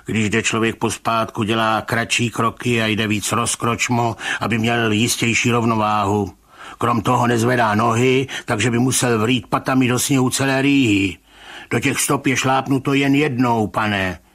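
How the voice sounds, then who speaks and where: A man reading a story aloud, voicing a gruff, weary police commissioner who speaks dryly and calmly. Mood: dismissive. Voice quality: grumbling, dry, low. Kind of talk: audiobook reading of a short story.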